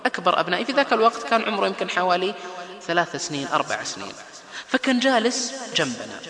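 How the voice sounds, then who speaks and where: Male preacher, high animated delivery, echoey hall with a crowd. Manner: animated, acts out quoted voices. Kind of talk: lively religious lecture.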